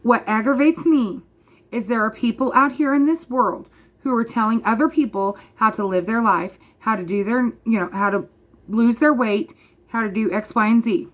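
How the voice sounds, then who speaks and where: A woman's voice: a little high, normal speed. A woman in her thirties ranting passionately to camera as a vlogger, emphatic and repeating her points straight to the viewer. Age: 30s. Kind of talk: passionate direct-to-camera rant.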